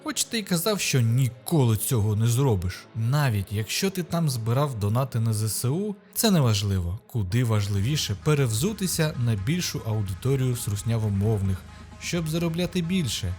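A man's voice: mid-range voice, sing-song, normal speed, darkish tone, faint music behind. A man with a Ukrainian accent hosting his channel, narrating a mock guide in a sarcastic, ironic tone. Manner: mocking, ironic. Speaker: YouTube host.

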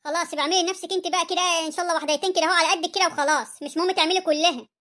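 A woman's voice: very high voice, steady tone, very fast, pushed and bright, faint music behind. A woman voicing a rude, impatient young daughter-in-law in an Egyptian cartoon story, snappy and dismissive, with an Egyptian accent.

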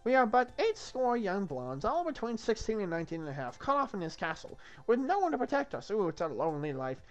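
A woman's voice: medium pitch, very animated, a little fast, lo-fi sound, lightly acted. Woman playing a gushing, flirtatious castle maiden, Zoot. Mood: coaxing, seductive. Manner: theatrical, gushing, insistent. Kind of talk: comic script read-through.

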